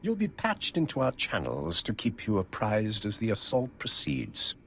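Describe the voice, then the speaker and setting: Dutiful army officer from a game, formal, super animated pitch, slight noise. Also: male voice, moderate pace, creaky, heavily acted. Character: dutiful male Imperial military officer. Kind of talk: video game voice acting.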